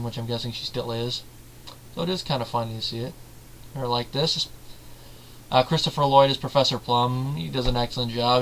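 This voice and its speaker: A man's voice: mid-range voice, a bit bright, slight background noise, poor audio. A man giving a casual, rambling film review, often correcting himself mid-sentence. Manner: rambling, self-correcting, chatty.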